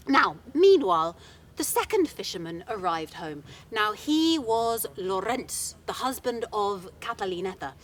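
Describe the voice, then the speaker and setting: A woman telling a folktale live to an audience, in a chatty, animated way with playful asides. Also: medium pitch. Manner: lively, chatty, dramatic asides. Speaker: storyteller.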